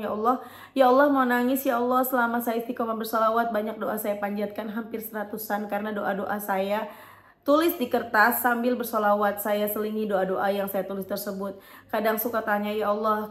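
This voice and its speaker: A woman host reading out a viewer's letter and talking to her audience, expressive and emotional. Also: mid-range voice. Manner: expressive, emotional, lively swings in loudness. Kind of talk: reading a letter, then heartfelt talk to viewers. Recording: roomy, echoey room.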